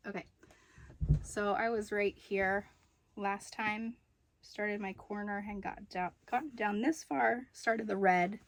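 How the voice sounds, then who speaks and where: A crochet and knitting vlogger with a mid-range, darkish voice chats casually in a home video, showing off her craft projects in a poorly lit room at home. She rambles a little and pauses to recall details. Having been ill, she sounds slightly out of breath.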